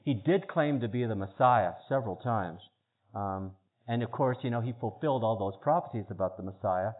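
A man with a lowish, expressive voice speaks briskly, laying out a religious argument in earnest but casual terms. The recording sounds tinny, like a phone line, and he leans on key words and frequently says things again.

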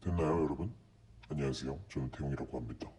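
A man hosting a casual livestream, his voice run through a voice changer filter that makes it sound very deep, as he playfully greets viewers. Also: fast, warm tone, a little hiss or hum. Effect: voice changer filter shifting his voice very deep. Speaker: livestream host.

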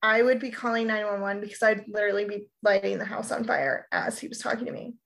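A woman co-hosting a podcast in casual chat, sarcastic and animated, swearing freely. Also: medium pitch, fast talker, vocal fry. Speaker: podcast co-host.

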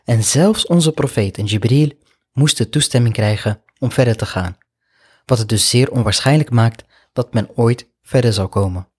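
A man with a slightly husky, breathy voice delivers a sermon as a story. He speaks in an earnest, reflective way and keeps a middle pitch, often adding Arabic honorifics as he goes. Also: normal speed, darkish tone. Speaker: Islamic preacher.

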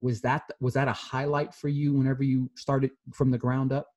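A man's voice: medium pitch, level tone, moderate pace, a little mellow. A man hosting a podcast, talking in a friendly, rambling way as he interviews a guest. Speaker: podcast host. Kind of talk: casual interview chat.

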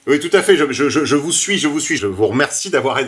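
A man's voice: a little high, animated, fast, a bit bright. A man hosting a radio interview, talking in a hesitant way and stammering on repeated words. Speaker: host.

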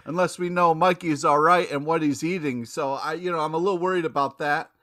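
Bright, slightly high, mock-indignant man. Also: brisk. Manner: playfully indignant, mock-pleading. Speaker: podcast panelist. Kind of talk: casual panel chat.

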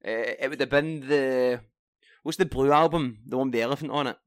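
Young Scottish male co-host, animated storyteller, mid pitch, dry mic. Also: brisk, smooth, no echo. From Scotland. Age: young adult. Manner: animated storyteller, laughs often, swears casually. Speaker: podcast co-host. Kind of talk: casual chat.

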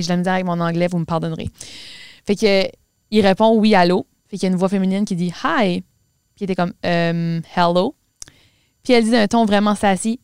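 Smooth-voiced Québécois woman telling a story. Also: mid-range voice, dry recording, studio quality. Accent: Québécois French. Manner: mixes English words into French, animated storyteller. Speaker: podcast co-host. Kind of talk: casual storytelling chat.

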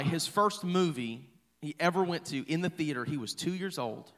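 A man's voice: on the high side, a bit bright. Chatty, playful man preaching. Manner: chatty and playful, talks to the congregation. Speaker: pastor. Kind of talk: sermon storytelling. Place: church hall.

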